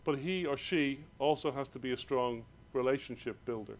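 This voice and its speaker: A man with an Irish accent, giving a hurried conference presentation in a hall. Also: medium pitch. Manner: rushed, hurried delivery. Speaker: conference speaker.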